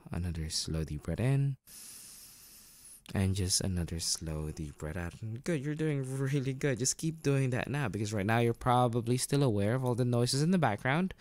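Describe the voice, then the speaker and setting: A man guiding a listener through a hypnosis induction, giving slow, soothing instructions with casual asides. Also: fairly low pitch, dry recording.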